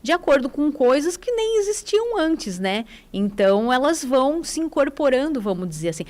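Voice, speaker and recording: A woman's voice: high-pitched, big pitch swings, normal speed, darkish tone. Chatty Brazilian woman on the radio. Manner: chatty, enthusiastic, many tag questions. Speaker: radio guest, English teacher. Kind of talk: casual radio conversation.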